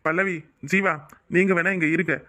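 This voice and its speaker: A man's voice: high voice, flat delivery, normal speed, bright, forceful tone. A man voicing an angry middle-aged elder brother in a cartoon, with a Kanyakumari Tamil accent, speaking in a bitter, accusing, lecturing way. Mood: stern. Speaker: head of the family. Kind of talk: cartoon voice acting.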